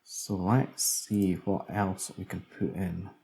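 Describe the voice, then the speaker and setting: A man's voice: deep voice, little pitch movement, slow pace, gravelly, warm tone, a little hiss or hum. A man casually commentating a city-building game, musing aloud as he builds, tired late at night. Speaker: let's play commentator.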